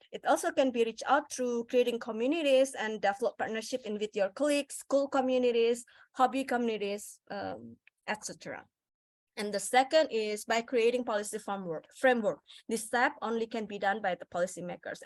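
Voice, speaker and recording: A woman's voice: a little high, no room sound. A woman from Indonesia, not speaking her first language, giving a presentation to an audience, with many fillers and restarts. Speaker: speaker presenting on the goals at a festival session.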